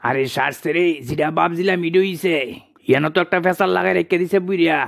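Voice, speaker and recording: A man's voice: a little high, fast talker, creaky, over loud music. A man in a rustic comedy sketch, chattering and fretting as he schemes. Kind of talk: rustic comic monologue.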